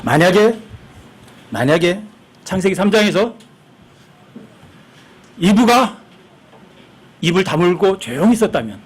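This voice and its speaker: A man's voice: sits high, very animated, measured pace, pauses often, husky. A man preaching a sermon as pastor, talking conversationally with the congregation and acting out the people in his stories. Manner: acts out quoted voices, emphatic and conversational with the congregation.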